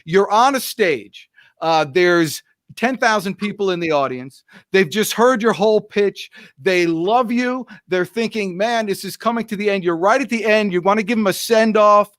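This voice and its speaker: A man's voice: sits high, expressive, unhurried, fairly bright tone, no echo, clean studio sound. A man hosting a podcast interview, chatty and encouraging as he asks questions. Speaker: podcast host. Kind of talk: casual interview talk.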